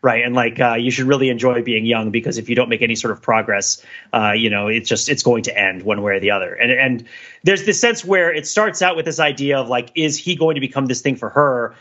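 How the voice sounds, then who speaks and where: This man co-hosts a laid-back pop culture podcast, and his medium-pitched voice moves a little fast over a lo-fi recording. He tells stories in an animated, rambling way, hunting for words and often checking that the listener is still with him.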